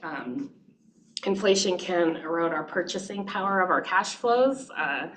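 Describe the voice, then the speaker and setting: A woman giving a brisk, matter-of-fact explanatory presentation at a board meeting. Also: fairly low pitch, lively intonation, fairly bright tone, poor audio.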